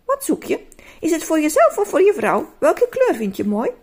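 Sweet cheerful shopkeeper, storybook woman, very high bright voice, friendly and sing-song, as a woman reader puts her on. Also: huge pitch swings, moderate pace.

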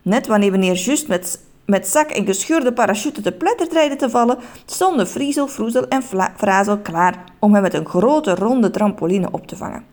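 A woman reading a children's story aloud in an expressive, animated way. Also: medium pitch.

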